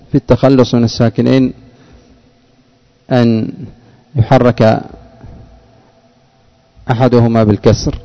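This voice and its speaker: A man's voice: medium pitch, dark tone, clear, resonant tone. A man teaching grammar in a classroom, explaining rules and quizzing students by name. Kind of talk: classroom lesson with questions to students.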